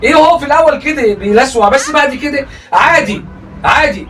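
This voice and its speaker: A man's voice: very high voice, lively intonation, fast talker, a bit bright, recorded from a distance. A man with an Egyptian accent giving teasing comedic commentary on a livestream, laughing often and breaking into exclamations. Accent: Egyptian Arabic. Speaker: comedic reaction host. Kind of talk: mocking reaction commentary on a livestream.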